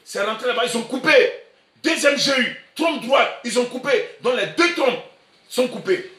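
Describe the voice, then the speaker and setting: A male pastor with an Ivorian French accent, preaching emphatically and repeating himself, sometimes breaking into shouts. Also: very high voice, expressive, normal speed, far from the mic. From Côte d'Ivoire. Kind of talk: sermon. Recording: echoey room, voice from afar.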